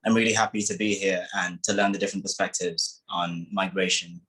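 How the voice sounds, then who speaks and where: Ghanaian guy on a video panel, low husky voice, pretty flat, formal and measured. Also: poor audio. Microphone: video call.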